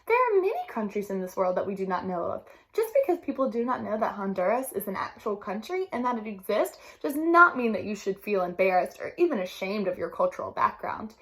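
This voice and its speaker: Storybook mother, gentle and steady, lively pitch, read by a woman. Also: a little fast, hardly any pauses. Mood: reassuring. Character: calm reassuring Honduran mother.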